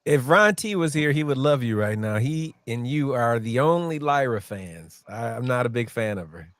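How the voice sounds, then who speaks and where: A man's voice: medium pitch, animated, moderate pace, a bit bright, no room sound, studio quality. A man hosting a casual wrestling podcast, laughing often and passing questions to his co-hosts. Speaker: podcast host.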